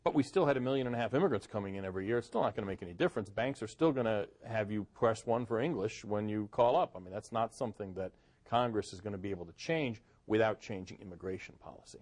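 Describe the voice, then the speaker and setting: Speaking quickly in a lowish, somewhat dark voice, this guest author from Boston and Cleveland thinks through his interview answers. His speech is full of fillers and false starts, giving a thoughtful but hesitant impression.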